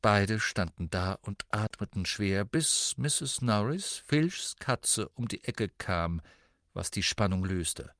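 A man reading an audiobook with expressive, dramatic narration. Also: on the low side, slow, dry recording, clean studio sound. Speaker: audiobook reader.

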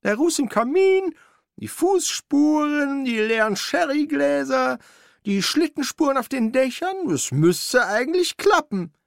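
A narrator putting on the voice of a fussy, servile old manservant in a radio play, talking high and quick. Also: male voice, very animated, gravelly, dry recording, full character voice. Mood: coaxing. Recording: dry studio recording.

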